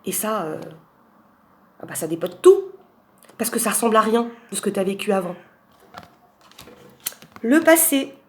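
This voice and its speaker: A woman's voice: medium pitch, sing-song, measured pace, pauses often. Chatty, rambling woman presenting tarot cards. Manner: chatty and rambling, many fillers and asides; announces card names with lifted emphasis. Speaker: tarot reader presenting a deck. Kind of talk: casual chat presenting cards.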